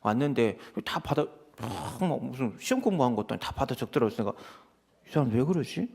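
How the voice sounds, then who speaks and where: This sermon comes from a male pastor who talks quickly and conversationally, weaving in anecdotes from his own life. With wide pitch swings, he animatedly acts out both voices in brief exchanges, and a gravelly creak regularly creeps into his tone.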